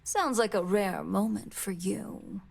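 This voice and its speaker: An actress playing a classy, bitter corporate villainess in a video game, with a smooth, sinister and contemptuous delivery. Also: female voice, mid-range voice, takes it slowly, a little mellow. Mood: bitter, sardonic. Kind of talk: video game character acting.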